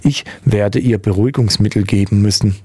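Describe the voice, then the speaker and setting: A man voicing a gaunt, cool spinster nurse who speaks calmly and curtly. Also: lowish voice, brisk, husky. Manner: calm, curt.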